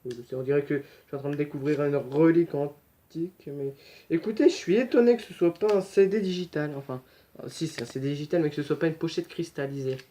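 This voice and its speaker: A man's voice: fairly high pitch, fast talker, warm tone. A young man talking casually through an unboxing, chatty and self-correcting, muttering to himself as he handles things. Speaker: unboxing vlogger.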